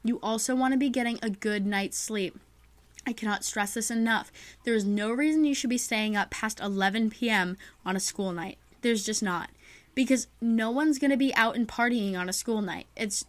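A woman's voice: a little high, no room sound. A young woman hosting a podcast, giving chatty, upbeat advice in a casual way with lots of fillers. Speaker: podcast host.

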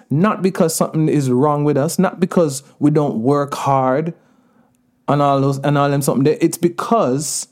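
In a casual podcast conversation, a Jamaican-accented man appears as a guest, his voice a little high and a little mellow. He laughs often, slips into patois, and slows down to stress key words.

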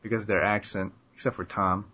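A man's voice: lowish voice, level tone, quick pace, sharp tone, breathy edge. A man from the southern United States hosting a casual podcast chat, teasing his guests and joking around. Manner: jokey, teasing, swears and laughs often. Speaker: podcast host. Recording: muffled lo-fi audio.

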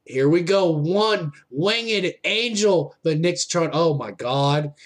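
A man with a notably high voice delivers wrestling commentary. His play-by-play moves at a slow pace, yet he is excitable and exclaims over the moves. The wording is informal, like a fan calling the match.

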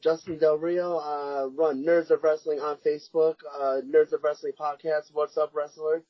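A man from the United States with a fairly high voice talks casually as a podcast guest. The sound is dry and somewhat dull. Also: little pitch movement, moderate pace, dry recording. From United States, Connecticut. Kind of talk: casual chat. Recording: dull lo-fi close dry audio.

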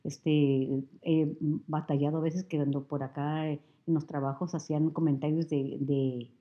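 Animated Mexican woman, low voice. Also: moderate pace, muffled recording. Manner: animated storyteller who acts out quoted dialogue. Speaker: guest. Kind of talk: casual conversation.

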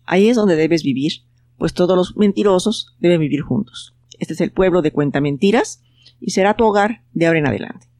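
A storyteller voicing a mysterious elf in a children's tale, speaking quietly and firmly. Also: medium pitch, a little fast, lightly acted. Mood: stern. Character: mysterious elf who leads a lying boy away.

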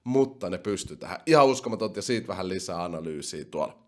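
Lively young podcast host, lower voice. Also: male voice. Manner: reads out listener comments and reacts; animated, with sudden loud bursts. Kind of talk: casual chat.

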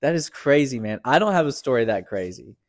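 A man's voice: mid-range voice, big pitch swings, fairly quick. A man hosting a podcast, reacting in short laid-back remarks and calling his guest "dude" and "man". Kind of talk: casual chat.

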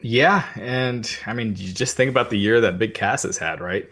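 A man's voice: on the low side, normal speed, fairly bright tone. A man in his forties co-hosting a podcast, talking casually with frequent hesitations. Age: 40s. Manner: hesitant, many ums and uhs. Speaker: podcast co-host. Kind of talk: casual wrestling talk chat.

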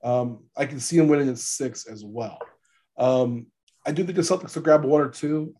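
A man with a stuffy, gravelly voice from allergies, hosting a casual sports podcast and informally rephrasing his points as he goes. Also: mid-range voice, normal speed, mellow. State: congested from allergies. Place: podcast studio.

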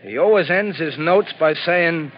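A man's voice: on the high side, animated, a little slow. An American actor playing an uneasy, chatty city policeman on night duty in an old-time radio drama. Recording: muffled noisy vintage radio recording.

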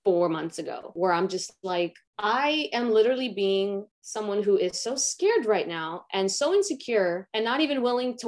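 Appearing as a guest in a casual interview, a young actress speaks candidly and reflectively in a raspy, low voice, using "like" as a filler a lot.

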